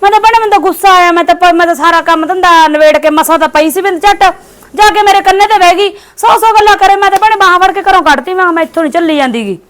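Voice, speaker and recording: A woman playing a quarrelsome daughter-in-law who refuses to keep the fast, with a Punjabi accent. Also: very high voice, a bit bright. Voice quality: argumentative. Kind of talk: village family skit acting.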